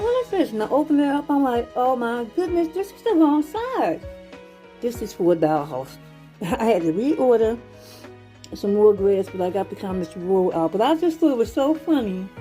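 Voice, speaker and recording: Mellow-voiced woman chatting through a home vlog. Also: medium pitch. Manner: chatty, explains her projects step by step, addresses viewers. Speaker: vlogger. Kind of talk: casual home tour vlog. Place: indoors at home.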